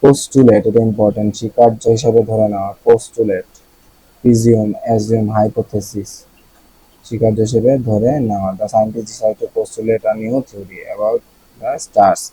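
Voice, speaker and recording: Young Bangladeshi man, husky low tutor voice, casual and repetitive. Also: flat delivery, moderate pace, warm tone, no echo, poor audio. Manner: casual, repeats words, asks the listener questions. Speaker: vocabulary teacher. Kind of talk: explaining vocabulary.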